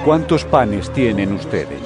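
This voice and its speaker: An actor playing a calm, authoritative holy teacher in a Bible drama, with a husky voice and gentle command. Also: male voice, lowish voice, slow, over music. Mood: calm authority.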